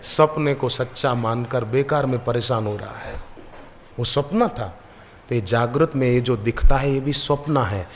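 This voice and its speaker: A man's voice: mid-range voice, measured pace, slight background noise. Man preaching in a reverberant hall. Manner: lively storyteller who acts out the people in his anecdotes. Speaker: spiritual preacher. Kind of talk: devotional sermon with storytelling. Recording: long reverb of a large hall.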